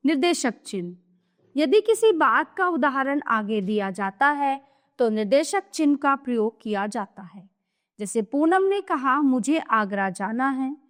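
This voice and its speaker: A woman with a high, light voice gives a grammar lesson to young children. She explains patiently, repeats her examples and checks in with the class as she goes. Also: animated, unhurried. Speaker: teacher.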